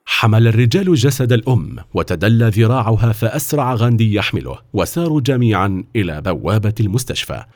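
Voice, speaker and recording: راوٍ رجل يحكي قصة بأسلوب معبّر ونبرة متنوعة حيوية، في تسجيل جاف قريب من الميكروفون. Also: male voice, fairly low pitch, fast talker, no echo, studio quality. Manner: expressive, dramatic telling. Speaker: narrator. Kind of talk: storybook narration.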